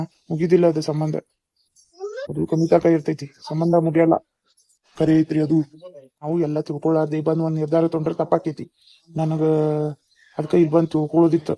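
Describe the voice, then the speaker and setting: A man with a North Karnataka accent voicing a calm, advising father-in-law in a cartoon. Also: fairly high pitch, no echo. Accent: North Karnataka Kannada. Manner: advising, steady. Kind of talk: cartoon voice acting.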